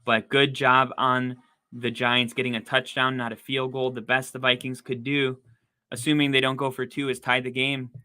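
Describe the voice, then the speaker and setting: Chatty excitable man with a bright voice. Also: mid-range voice, moderate pace, clear, resonant tone. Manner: chatty, excitable, rising to loud disbelief at plays. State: losing his voice. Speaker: podcast host doing live game watch-along commentary. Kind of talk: casual play-by-play chat.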